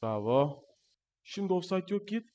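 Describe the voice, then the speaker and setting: A young man commentating his own football video game match, excitable and shouting at the players on screen, his voice a bit strained. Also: high voice, unhurried, muffled recording. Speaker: gaming channel host. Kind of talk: live gameplay commentary.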